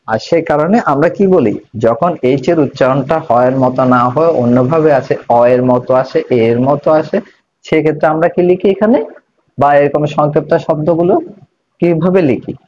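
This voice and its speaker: Lively-pitched man teaching grammar. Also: highs cut off, slight background noise. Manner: explains step by step, asks questions to the learners. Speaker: English teacher. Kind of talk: grammar lesson.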